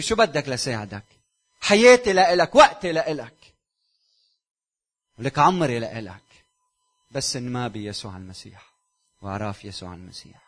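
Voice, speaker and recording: A man with a Lebanese Arabic accent, preaching a sermon to his congregation, firing rhetorical questions and dropping from loud exhortation to near-whispers. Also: high-pitched. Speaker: pastor.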